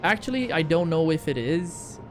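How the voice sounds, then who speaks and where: A man's voice: a little high, sing-song, moderate pace. Casual male game streamer over music. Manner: slangy, chatting back to viewers. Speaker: livestream gamer host.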